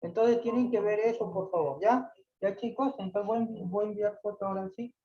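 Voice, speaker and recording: A man's voice: sits high, a little fast, dull audio. A man teaching a math class online, explaining patiently, repeating points and checking that students follow.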